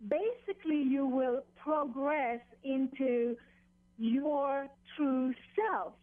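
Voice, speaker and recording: A woman with a high voice speaks as a guest teacher over a narrow telephone line. She explains things deliberately, pausing and repeating phrases, with no room echo. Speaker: meditation teacher, phone interview guest. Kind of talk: explanatory radio interview, spiritual instruction. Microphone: phone.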